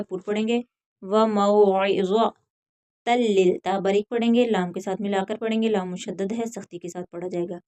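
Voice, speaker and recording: A woman teaching tajweed, reciting verses in a drawn-out chant and then explaining each letter rule in quick spoken lines. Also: medium pitch, warm tone. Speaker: Quran teacher.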